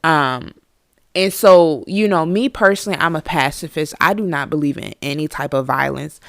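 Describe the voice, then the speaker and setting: A woman hosting a podcast and telling a storytime tale in an animated, swearing, filler-packed way. Her voice sits on the low side. The recording is dry, with no room sound around it. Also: no room sound. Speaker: podcast host. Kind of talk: casual storytime monologue.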